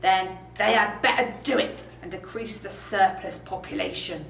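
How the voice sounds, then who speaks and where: A woman's voice: mid-range voice, moderate pace, vocal fry, fairly bright tone. A woman reading aloud the lines of a cold, stingy old male miser in a curt, sneering way. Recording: roomy, distant mic, background noise.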